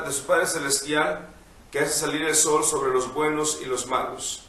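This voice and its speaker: A priest reading the gospel and preaching in a measured, solemn way, his voice ringing with heavy cathedral-like church echo. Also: fairly high pitch, fairly bright tone. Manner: measured, solemn liturgical delivery. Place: large church. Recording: heavy echo, distant mic, faint noise.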